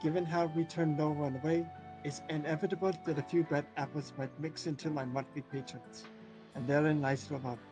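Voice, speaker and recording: A man's voice: fairly high pitch, fairly even intonation, a little fast, close to an everyday voice, low-quality recording. A man voicing a polite tavern proprietor in a video game, formal and courteous as he tells a story. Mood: courteous, storytelling. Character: polite tavern proprietor telling patrons of a rotten bunch. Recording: loud music under the voice.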